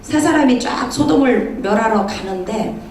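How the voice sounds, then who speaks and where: A woman preacher giving a sermon in a church, telling a story with lively acted-out dialogue. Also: a little high, moderate pace, a little hiss or hum. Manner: animated storytelling, acting out dialogue. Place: church sanctuary. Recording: echoey church hall from far off.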